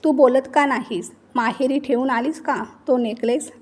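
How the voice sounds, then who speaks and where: A woman's voice: high-pitched, steady tone, normal speed. A woman reading the lines of a harsh, accusing older mother-in-law in a storybook tale. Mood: scolding. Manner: sharp, accusing.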